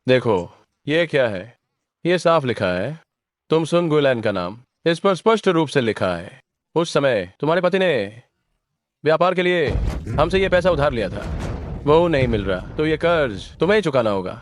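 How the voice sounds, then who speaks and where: A man's voice: fairly high pitch, sing-song, moderate pace, no room sound, clean studio sound. A man dubbing the role of a contemptuous debt collector who makes threats. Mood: menacing. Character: menacing male debt-collecting thug. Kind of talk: Hindi drama dub.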